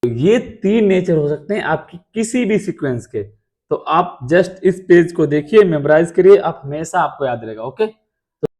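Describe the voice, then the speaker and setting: A man's voice: fairly high pitch, animated, a little slow, darkish tone. A man teaching math in an explanatory lecture, asking rhetorical questions and answering them himself.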